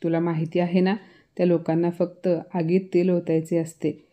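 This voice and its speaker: A woman's voice: on the low side, flat delivery, normal speed, dark tone, natural voice. A woman voicing a wary, bossy young daughter. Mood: insistent.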